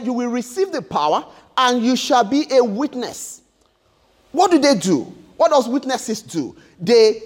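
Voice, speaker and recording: Male preacher, emphatic sermon delivery, repeats and restarts phrases, very high pitch. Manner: emphatic and repetitive, with stammered restarts.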